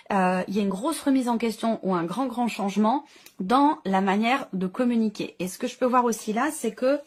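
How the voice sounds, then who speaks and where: A woman with a fairly high voice, hosting her own channel, reads tarot cards aloud for viewers in an intuitive, improvised way. She searches for words hesitantly, rephrasing each idea several ways and repeating lists.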